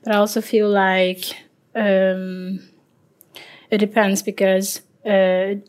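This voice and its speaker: A woman's voice: medium pitch, little pitch movement, slow pace, darkish tone. Emphatic young woman panelist. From Liberia. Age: 20s. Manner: emphatic, repeats "I mean". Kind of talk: panel discussion.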